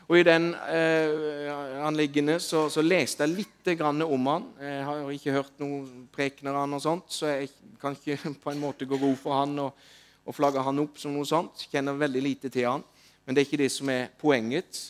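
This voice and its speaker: A man preaching a sermon, telling stories in a lively way that rises to loud calls and drops to soft asides. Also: on the high side. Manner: animated, rising to loud calls when retelling. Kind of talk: sermon with storytelling.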